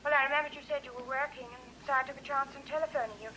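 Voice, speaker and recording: A woman's voice: high voice, steady tone, rapid-fire, pushed and bright, a little hiss or hum, poor audio. A woman playing an anxious, determined heroine in a 1950s film, speaking with urgent insistence. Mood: anxious, insistent. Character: anxious, determined young woman phoning an acquaintance.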